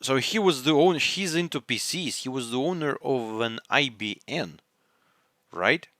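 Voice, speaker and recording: A man's voice: medium pitch, lively intonation, normal speed, a bit bright, no echo, clean studio sound. A non-native English-speaking man hosting an anime reaction, talking casually and rambling as he searches for words. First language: not English. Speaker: anime reaction channel host.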